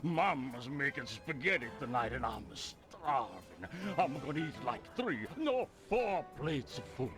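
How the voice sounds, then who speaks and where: A man's voice: medium pitch, very animated, measured pace, few pauses, over music. A man voicing a goofy, hungry male guard in a video game. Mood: dopey. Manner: dopey, eager.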